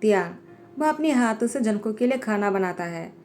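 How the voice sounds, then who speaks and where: A woman reading a fan fiction story as a voiceover, narrating in a plain, steady way, with faint music behind her. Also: medium pitch, moderate pace. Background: faint background music.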